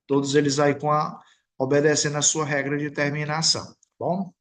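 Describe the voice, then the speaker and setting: A man with a Brazilian Portuguese accent, teaching a recorded English lesson over slides. He explains slowly and patiently and keeps checking in with the listener. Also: fairly high pitch, little pitch movement, a bit bright. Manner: slow, patient explaining with frequent "tá bom?" check-ins.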